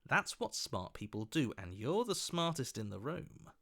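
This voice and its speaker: A man voicing a scheming, flattering opportunist in a video game, with an oily, ingratiating and theatrical delivery. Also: mid-range voice, unhurried, creaky, heavily acted. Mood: smug, flattering.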